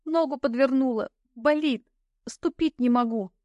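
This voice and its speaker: A woman reader putting on a frightened young heroine of a fantasy tale, high and shrill, blurting out nervous protests. Her voice sits right up at the mic, dry and close. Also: unhurried, warm tone, dry recording, lo-fi sound. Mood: pleading.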